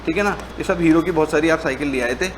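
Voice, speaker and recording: A man's voice: fairly high pitch, fast, background noise. A young man teaching a tax revision lecture. He explains in a chatty way and acts out both his own lines and his students' questions. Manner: playful teasing of students. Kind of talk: online exam revision lecture.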